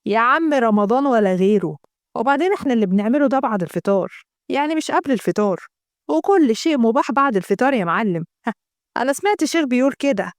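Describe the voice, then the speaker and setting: A woman's voice: fairly high pitch, lively intonation, fast, no room sound, clean studio sound, natural voice. A woman voicing a smug young Egyptian man who talks his friend into trouble. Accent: Egyptian Arabic. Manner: smug, offhand.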